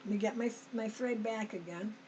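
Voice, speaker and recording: A woman's voice: mid-range voice, normal speed, muffled recording, background noise. A woman hosting a sewing tutorial, chatting homely to viewers as she works step by step, her throat a little dry. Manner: homey, talks to viewers as "us", frequent okays and restarts. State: slightly dry throat, clearing it.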